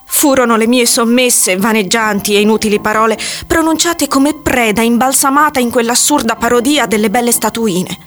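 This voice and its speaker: A woman giving a measured, dramatic scripted narration of a story. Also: a little high, fairly bright tone. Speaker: audiobook narrator. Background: faint music.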